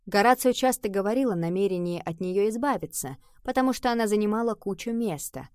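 A woman narrating an audiobook in a steady, even storytelling manner. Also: medium pitch, brisk, dry recording, clean studio sound.

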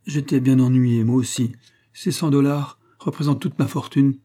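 A man's voice: medium pitch, steady tone, normal speed, dark tone, pitched above the performer's own voice, lightly acted. A man reading an audiobook, voicing an earnest, polite young woman of an Irish family.

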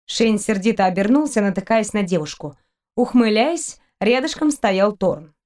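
Audiobook narration: woman reader, steady storytelling. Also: mid-range voice, moderate pace. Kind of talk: scripted narration.

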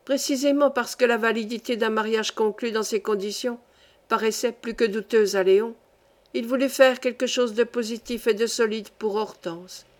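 Steady woman reading a classic novel. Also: on the high side, moderate pace. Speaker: audiobook reader. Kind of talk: literary audiobook narration.

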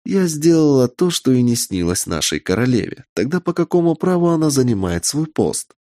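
A man's voice: mid-range voice, very animated, moderate pace, dark tone, no room sound, clean studio sound, pitched above the performer's own voice, close to an everyday voice. A man voicing an imperious, ambitious witch who speaks coldly and commandingly, in a raised voice. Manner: cold, commanding, menacing.

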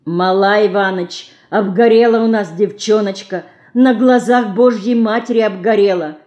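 A woman voicing a pious, grieving peasant woman who speaks slowly, mournfully and sternly. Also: medium pitch, warm tone, muffled recording, close to an everyday voice.

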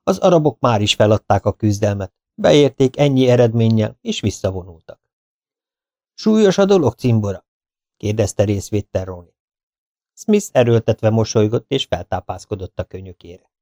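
A man reading an adventure novel aloud as an audiobook narrator, steady and even. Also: fairly low pitch, dry recording, clean studio sound. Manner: steady storytelling read-out. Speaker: audiobook reader.

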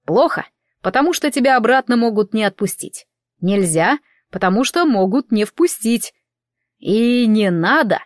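A woman voicing an excitable, bossy male elf priest, exclaiming and lecturing in an audiobook reading. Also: fairly high pitch, unhurried, no room sound, clean studio sound. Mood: stern.

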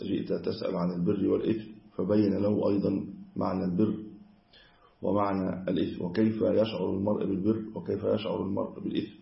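A man teaches a religious lesson in a deep, rough, gravelly voice, talking fast and measured with little rise and fall. He stops to fix words mid-phrase. The recording is dull and lo-fi, with a roomy echo. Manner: measured, explanatory, corrects himself mid-word. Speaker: Islamic scholar teaching hadith. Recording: echoey room, dull lo-fi sound.

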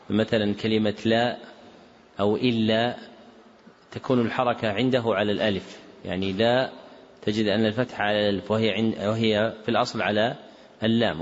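A male scholar giving a lesson, reading out corrections to a text in a measured way and repeating page numbers for his students. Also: lowish voice. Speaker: Islamic scholar teaching a book lesson. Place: lecture hall or mosque with loudspeakers. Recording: reverberant hall with faint ambient noise.

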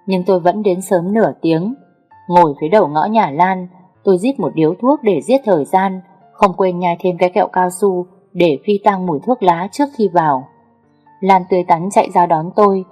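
A woman narrating a first-person story, reading slowly with a melancholy tone. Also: fairly low pitch, mellow, husky.

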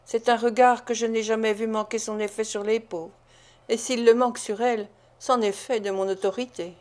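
A woman's voice: on the high side, steady tone, normal speed, darkish tone, close to an everyday voice. Woman reader as pompous blustering male official, lordly tone, audiobook. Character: pompous self-important male parish beadle.

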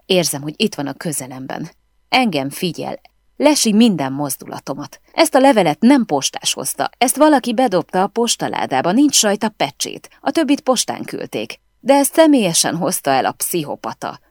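A woman reading an audiobook voices a hysterical, frightened female film star who barks orders in a shrill, panicky way. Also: sing-song, darkish tone, no room sound, clean studio sound, heavily acted. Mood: panicked, bossy.

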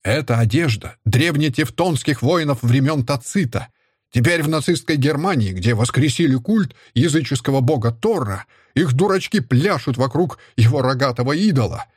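A furious, scornful father who shouts and sneers, as a male narrator puts him on in a raised, husky voice. His bitterness comes through in every line. The recording is dry and close. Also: medium pitch, sing-song, moderate pace, no echo. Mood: bitter. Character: furious stern middle-aged father, a historian.

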